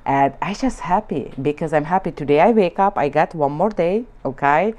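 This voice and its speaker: Off camera, over a shot of only her hands, a Hungarian woman teaches nail art in English with a Hungarian accent. Her low, darkish voice moves at normal speed as she chats and rambles casually, full of fillers and broken grammar.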